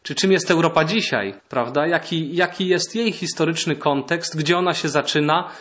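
A man's voice: fairly high pitch, normal speed, fairly bright tone. Thoughtful male guest reader. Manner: thoughtful, with hesitations. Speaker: actor and guest. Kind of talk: reading then interview talk.

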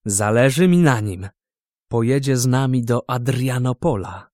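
A man's voice: medium pitch, a little mellow, dry recording, studio quality, natural voice. Man doing a stern commanding sultan. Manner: hard, measured, commanding. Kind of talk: audiobook reading.

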